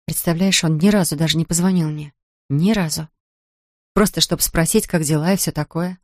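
A woman's voice: deep voice, fairly even intonation, normal speed, dry recording, clean studio sound. Woman doing a heartsore, subdued young woman. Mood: hurt, wistful. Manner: subdued, wistful.

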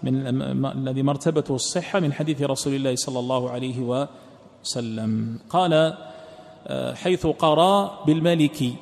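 A man teaching a text line by line, repeating phrases and trailing off into a low murmur at the ends of sentences. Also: moderate pace, darkish tone. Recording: long hall reverb.

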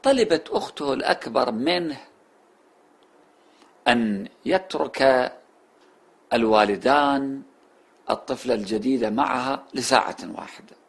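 A man giving a religious talk, telling a moral story in a storytelling manner that rises sharply and then falls to soft, quiet endings. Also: medium pitch, lively intonation, a little slow, pauses often. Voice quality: husky. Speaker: religious speaker.

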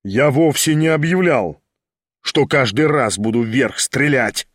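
A man's voice: mid-range voice, lively intonation, a little slow, dry recording, studio quality. A man voicing a composed aristocrat at a duel, firm and impatient. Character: cold, composed male aristocrat dueling.

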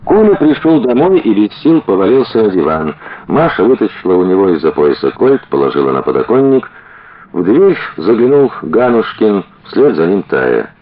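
A man narrating an audiobook in an even, storytelling manner. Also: lowish voice, moderate pace, narrow, tinny audio.

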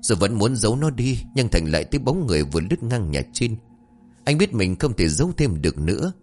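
Low-voiced man, expressive narrator for a dark audio story. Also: fast talker.

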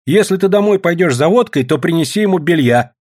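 Brash young village woman, shrill and shouting, husky edge, audiobook character, read by a man. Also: lively intonation, fairly quick. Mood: bossy.

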